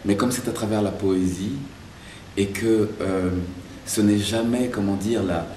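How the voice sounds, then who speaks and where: A man who grew up in Belgium and Zaire, answering interview questions about his work as a playwright in a thoughtful way, pausing and restarting as he searches for words. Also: lowish voice, steady tone, warm tone, a little hiss or hum. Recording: echoey room, mic far off.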